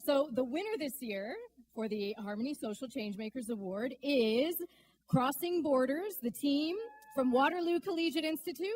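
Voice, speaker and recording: A woman emcee with a high, light voice introduces award winners at a ceremony. She talks in a playful way and coaxes the audience to cheer louder. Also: expressive, moderate pace. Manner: playful, coaxing the crowd. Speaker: awards host.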